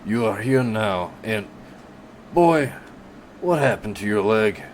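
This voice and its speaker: A man's voice: deep voice, a little slow, a little mellow, a little hiss or hum. A man voicing a large, burly, stern butcher in an audiobook, speaking in a grumbling way. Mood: gruff.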